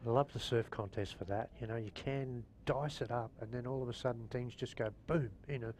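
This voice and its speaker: A man's voice: fairly even intonation, a little fast, a little mellow. A man giving casual live surf co-commentary in a chatty, colloquial way full of exclamations. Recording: clear rumbling background noise.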